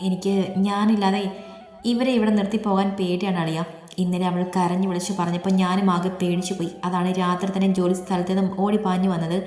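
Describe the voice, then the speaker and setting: A woman's voice: fairly low pitch, little pitch movement, brisk, close to an everyday voice. A woman voicing an uneasy young husband and father who explains himself hesitantly, read as story dialogue. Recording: echoey room, long reverb, soft music.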